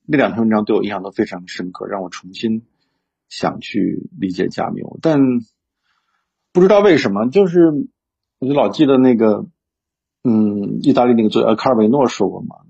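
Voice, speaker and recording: A man's voice: fairly low pitch, fairly quick, gravelly, mellow, husky. A man talking reflectively in casual conversation, with many fillers and restarts. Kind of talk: casual conversational discussion about books. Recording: dull lo-fi sound.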